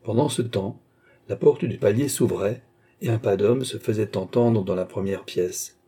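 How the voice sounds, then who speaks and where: A man narrating a classic novel as an audiobook, in a measured storytelling manner. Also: lowish voice, warm tone, breathy edge.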